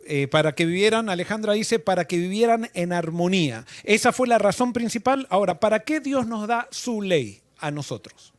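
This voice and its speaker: A man's voice: high-pitched, expressive, normal speed, hardly any pauses, no room sound. A male pastor leading an interactive Bible study, asking the class questions and repeating their answers.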